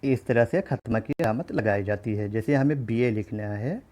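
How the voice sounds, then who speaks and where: A man's voice: medium pitch, moderate pace, mellow. A man teaching an online exam-prep lesson, explaining step by step and often checking in with his listeners. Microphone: recorded while writing on a screen.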